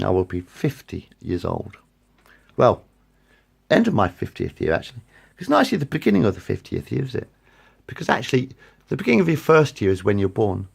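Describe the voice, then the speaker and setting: Fairly quick and sing-song, this man's voice runs on the low side, with a creaky, breathy edge. He's a vlogger in his late forties who rambles casually to his phone's front camera, meandering between thoughts while repeating and correcting himself.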